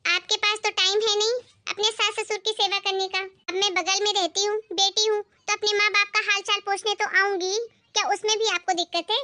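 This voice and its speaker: A woman voicing a jealous grown daughter in an animated family skit, talking in a sharp, complaining way. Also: very high-pitched, brisk. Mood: bitter.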